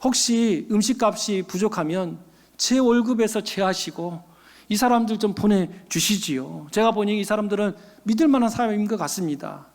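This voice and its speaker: A man's voice: sits high, moderate pace, a little mellow. A male pastor voicing a kind restaurant servant who pleads humbly and politely. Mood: pleading. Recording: long church-hall reverb.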